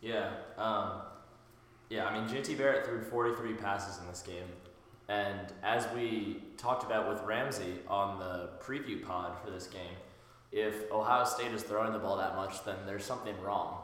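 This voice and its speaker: A hoarse man talking sports casually on a podcast recorded in a very echoey home basement. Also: lowish voice, moderate pace, fairly bright tone. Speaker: podcast panelist.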